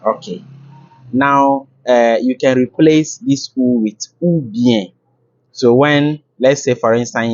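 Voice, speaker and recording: A man teaching a casual video lesson on French words, explaining slowly with fillers and repeats. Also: mid-range voice, darkish tone, highs cut off.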